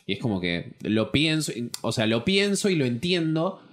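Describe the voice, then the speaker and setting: A young man with a Rioplatense accent talks in a casual chat, laid-back and hesitant, full of fillers. His pitch swings widely even while his tone stays relaxed. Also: normal speed. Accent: Rioplatense Spanish.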